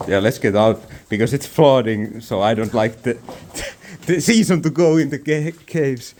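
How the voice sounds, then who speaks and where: Nervous, slow-talking man inside a concrete bunker. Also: medium pitch, a little mellow. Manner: hesitant, nervous. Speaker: vlogger exploring. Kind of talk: casual chat while exploring. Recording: clear ambient noise inside concrete bunker.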